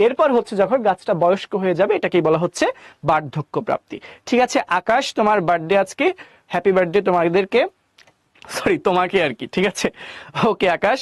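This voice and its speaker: High, dry-sounding male science teacher, drills terms with questions and answers them himself. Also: dry recording. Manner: addresses students by name, reads their chat. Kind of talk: live online lecture.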